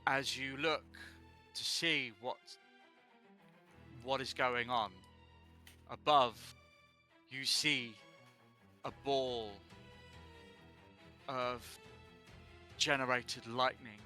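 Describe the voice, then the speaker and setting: A man narrating a tabletop game as dungeon master, taking his time and backing up to fix a word here and there. His voice is bright and forward at a middling pitch, and faint music plays behind him. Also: steady tone. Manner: slow, deliberate narration with restarts and self-corrections.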